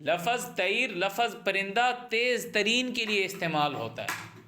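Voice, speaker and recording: A man's voice: high voice, animated, background noise. A man teaching the Quran, reciting each Arabic verse and then explaining it, often repeating his phrases and speeding up as he gives examples. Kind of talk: verse-by-verse Quran translation and commentary.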